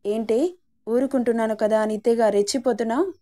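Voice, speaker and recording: A bold young man in a spoken love story, cocky and mocking as he teases, voiced by a woman reader. The tone is mellow and dark, a little high for a man. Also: steady tone, a little fast, close to an everyday voice. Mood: teasing. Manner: mocking, teasing.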